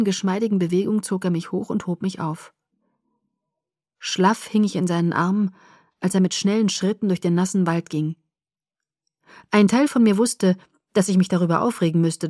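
A woman narrating a novel in the first person, softly and subdued, at times near a whisper. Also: medium pitch, dry recording, clean studio sound. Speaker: audiobook narrator.

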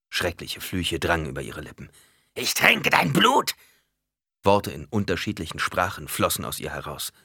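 Male narrator, deep but crisp voice, dry close sound. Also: fairly bright tone, no echo. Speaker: audiobook narrator. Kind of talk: scripted narration.

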